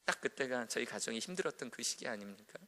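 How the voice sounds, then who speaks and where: A man in his thirties preaching a sermon as a pastor, telling a story and swinging between loud emphasis and hushed, near-whispered prayer. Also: mid-range voice, animated, fast. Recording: echoey hall reverb.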